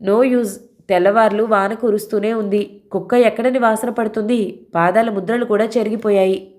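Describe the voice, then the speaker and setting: A woman's voice: medium pitch, steady tone, moderate pace, a little mellow, pitched above the performer's own voice, lightly acted. Brief: woman reading a tired, blunt middle-aged cop, matter-of-fact. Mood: weary. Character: middle-aged male police officer, weary and blunt.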